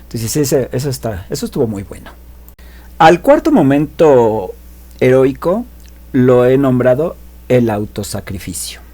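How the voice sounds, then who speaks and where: Brief: guy retelling a classic tale, mid-pitched, chatty and lively. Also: measured pace. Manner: chatty, animated, frequent tag questions. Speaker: literature video host. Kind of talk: casual story retelling.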